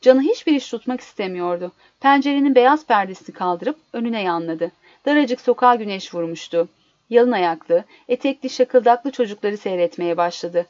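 A woman narrating a story in an expressive, dramatic reading, in a dull lo-fi recording. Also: mid-range voice, normal speed, dry recording. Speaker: reader.

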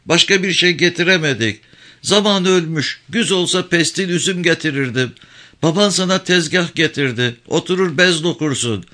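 Man doing a worn-out old village mum, high teary voice, plaintive wailing tone in a read-aloud story. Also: normal speed, bright, forceful tone. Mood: pleading. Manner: plaintive, tearful lament.

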